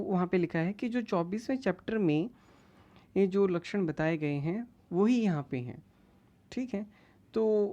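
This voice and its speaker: A woman's voice: lowish voice, dark tone. A woman teaching an exam-prep lecture, who reads out each classical Sanskrit term and then restates it in everyday words. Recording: dull lo-fi audio.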